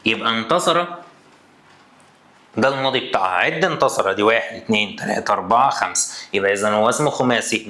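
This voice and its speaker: With an Egyptian Arabic accent and a bright, forceful, medium-pitched voice, a man teaches grammar in an energetic classroom lesson. He's playful and teasing, acting out the questions his students might ask, and the room is echoey.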